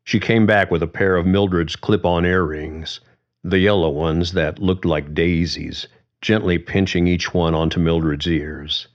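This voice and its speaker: A man reads a story aloud in a calm, measured way, his voice very deep and his pace unhurried. The recording sounds dull and lo-fi. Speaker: narrator. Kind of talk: audiobook narration.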